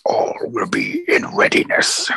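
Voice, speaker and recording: A man voicing a cold, menacing alien overlord who speaks in a harsh, rasping whisper. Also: a little slow, pushed and bright, no echo, studio quality.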